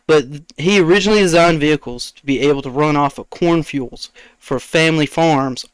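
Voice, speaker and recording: Male podcast co-host, fairly high voice, dry close mic, confident folksy rambler. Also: a little fast, clean tone, no echo, poor audio. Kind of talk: casual debate chat.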